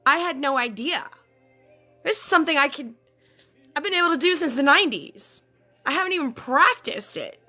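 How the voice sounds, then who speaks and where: With soft music playing in the background, a woman life coach talks casually to her livestream followers, earnest and repetitive, leaning on fillers and asking "okay?" often. Her voice is high, expressive and bright with a forceful tone, at a moderate pace broken by long pauses. Audio comes through a phone or webcam.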